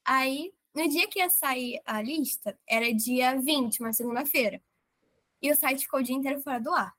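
A young woman from Brazil talks through her story in a casual interview, her high voice bright and lively. She keeps acting out what she and the people around her said. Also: normal speed. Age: young adult. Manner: animated, quotes herself and others in lively voices. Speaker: approved medical student guest.

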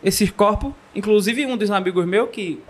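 A man from Pernambuco with a Pernambuco accent, telling a comic story in the first person with playful, animated delivery. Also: high-pitched, moderate pace, slight background noise. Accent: Pernambuco Brazilian Portuguese. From Pernambuco, Brazil. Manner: playful, animated, jokey delivery with acted sound effects. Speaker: storyteller guest.

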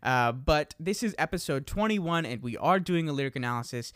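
A man's voice: on the high side, lively intonation, a little fast, fairly bright tone, no room sound, studio quality. Easygoing young man hosting a podcast. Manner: easygoing, laughs at himself, many fillers. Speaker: podcast host. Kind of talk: casual podcast chat. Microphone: desk microphone.

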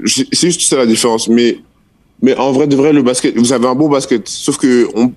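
A teenage basketball player, talking casually in an interview, laid-back and slangy with many fillers. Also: male voice, mid-range voice, brisk, darkish tone. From France. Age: teens. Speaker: young basketball player guest.

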